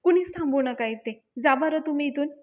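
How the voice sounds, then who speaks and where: A woman doing an eager young bride, bright and high. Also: fairly quick, lightly acted. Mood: cross. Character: young cheerful newlywed woman, eager to please.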